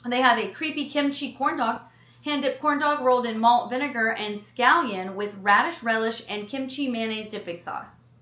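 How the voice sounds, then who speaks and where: A woman's voice: fairly high pitch, normal speed, bright, forceful tone, echoey room. A woman food vlogger reading menu items aloud and adding chatty personal asides. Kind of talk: casual chat reading a menu.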